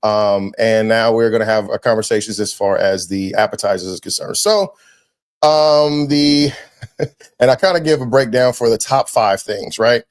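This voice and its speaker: A man hosting a podcast, chatting casually and telling lively stories, dropping "man" often. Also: on the low side. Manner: animated storyteller, quick, slangy, says "man" a lot. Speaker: podcast host.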